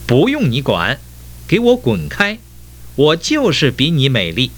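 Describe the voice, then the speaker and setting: A man voicing a vain, boastful rainbow that shouts back arrogantly in a children's story. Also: mid-range voice, huge pitch swings, measured pace, voice pushed up, full character voice. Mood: angry.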